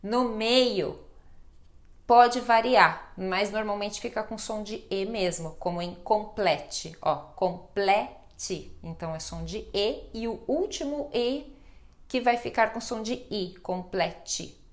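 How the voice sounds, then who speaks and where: Brazilian lady teacher, super slow and patient, says example words one by one. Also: medium pitch. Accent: Brazilian Portuguese. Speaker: Portuguese teacher. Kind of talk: slow pronunciation lesson.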